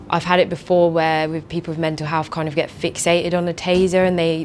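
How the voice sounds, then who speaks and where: A woman's voice: fairly low pitch, a little hiss or hum. A female police officer in a documentary interview, recounting a call casually and hedging her words often.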